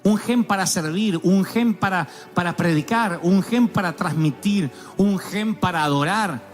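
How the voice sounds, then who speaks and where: A man preaching a sermon as pastor, animated and storytelling, with sudden exclamations and voices put on for the people he describes. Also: sits high, measured pace, soft background music. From Argentina. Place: large church auditorium.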